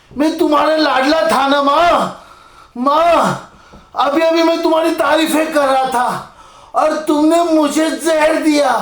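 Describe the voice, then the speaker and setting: A man's voice: very high-pitched, reverberant, heavily acted. A man playing a heartbroken young son who has been poisoned by his mother, pleading with her in a solo stage monologue.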